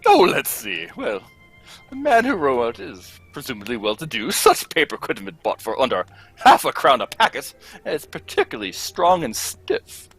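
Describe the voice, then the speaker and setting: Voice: mid-range voice, wildly swooping pitch, normal speed, fairly bright tone, slightly rough, faint music behind, exaggerated voice, rough recording. A performer playing Doctor Watson as an amiable, curious, easily astonished male companion in a theatrical radio play reading. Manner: theatrical, exclamatory, questioning. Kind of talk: live radio play reading, old-time radio acting.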